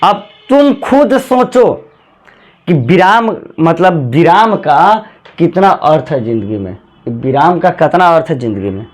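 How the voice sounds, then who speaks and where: A man's voice: a little high, sing-song. A man teaching grammar in a classroom lecture, repeating points and often calling his students "bhai". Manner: repetitive, drawn-out explanations with frequent "bhai".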